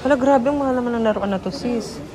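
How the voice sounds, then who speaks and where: A woman from the Philippines vlogging casually, quick and chatty, mixing in English words. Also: a little high, a crowd in the background, rough recording. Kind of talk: casual vlog chat. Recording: phone audio with street noise.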